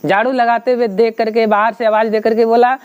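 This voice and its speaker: A male teacher explaining a literature text. He retells the story in an animated way, paraphrasing and repeating lines as he goes. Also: very high voice, a little fast, smooth, highs cut off.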